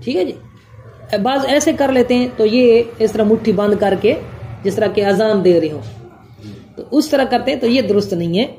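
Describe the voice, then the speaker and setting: A woman's voice: on the high side, normal speed, warm tone, slight background noise. A woman giving a religious jurisprudence lesson, going point by point and answering her own questions. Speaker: religious teacher.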